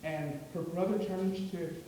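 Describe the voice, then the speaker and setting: A man's voice: a little high, fairly even intonation, unhurried, warm tone. A man delivering a class sermon, telling a story with many fillers and restarts. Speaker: preaching student. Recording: echoey room from far off, faint noise.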